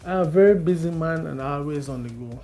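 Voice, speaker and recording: A low-voiced woman with a mellow tone plays a customer in a scripted ad. She asks plain, enquiring questions. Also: a little fast, soft background music. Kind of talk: scripted ad dialogue.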